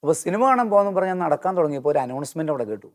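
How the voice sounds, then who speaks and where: A man giving an earnest personal testimony in an interview, slowing down when he quotes hymn lines. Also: fairly high pitch, expressive.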